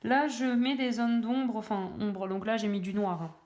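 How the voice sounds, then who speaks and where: A woman's voice: on the high side, steady tone, moderate pace, darkish tone. A young woman chatting casually while she colors, full of hesitations and self-mocking jokes. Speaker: coloring video creator. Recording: echoey room.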